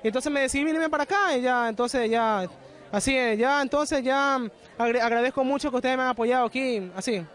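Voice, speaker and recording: A man's voice: very high voice, a little fast, a bit bright. A young man in costume at an outdoor fan event, answering a street interview in a rambling, hesitant way, repeating fillers, into a handheld mic.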